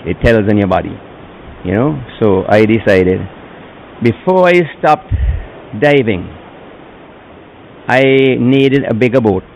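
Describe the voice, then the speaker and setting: Older man, retired diver turned sanctuary keeper; slow storytelling, voice jumps high at times. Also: darkish tone, a little hiss or hum, rough recording. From Bequia, Saint Vincent and the Grenadines. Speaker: turtle sanctuary keeper, interviewee. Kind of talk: interview answers.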